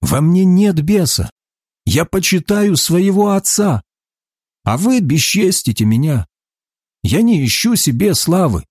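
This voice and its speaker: A man reading the words of a calm, earnest male teacher in a solemn, emphatic way. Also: high-pitched, a little slow, breathy edge, dry recording, clean studio sound, pitched above the performer's own voice, full character voice.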